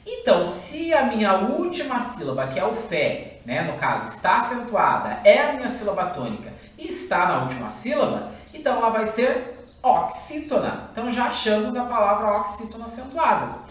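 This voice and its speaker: A woman teacher with a Brazilian Portuguese accent, explaining a recorded lesson to schoolchildren in a lively, drawn-out way. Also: on the high side. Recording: roomy echo, far from the mic.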